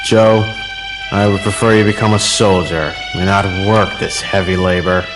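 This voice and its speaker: A man's voice: sits low, fairly even intonation, moderate pace, over music, lightly acted. An actor playing a weary, concerned middle-aged father in an English anime dub.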